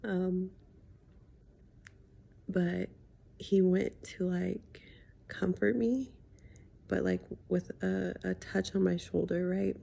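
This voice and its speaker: A woman talking reflectively in a confiding personal vlog as a healing coach, with slightly lisped speech from wearing a retainer, pausing thoughtfully and often softening to a near-whisper. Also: on the low side, fairly even intonation, creaky. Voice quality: slight lisp from speaking with a retainer in. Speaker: spiritual healing coach sharing a personal story.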